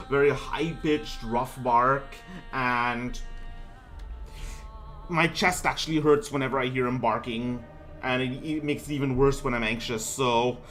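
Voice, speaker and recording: A man with a medium-pitched, pushed and bright voice is a gaming streamer reading a myth aloud. He reads and comments on the gameplay casually, often stumbling over words and names and correcting himself.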